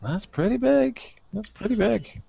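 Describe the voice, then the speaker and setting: A man co-hosting a relaxed podcast, his gravelly low voice leaping up when something excites him. His pitch swings widely between mumbled asides and bursts of enthusiasm. The sound is dry and dull, like a lo-fi call. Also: measured pace, no echo. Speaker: podcast co-host. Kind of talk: casual podcast chat.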